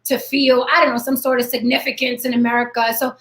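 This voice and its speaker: A woman in her forties hosting a live online panel talk on a webcam, blunt and animated. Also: fairly high pitch, fast, echoey room. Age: 40s. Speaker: host.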